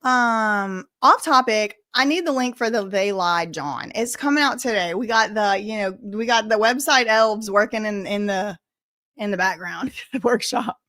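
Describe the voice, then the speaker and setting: An American woman from Louisiana hosts a casual live stream, reading and answering viewer messages in a colloquial, sassy style. Her medium-pitched voice is bright and forceful at a measured pace, with studio-quality sound and no room tone.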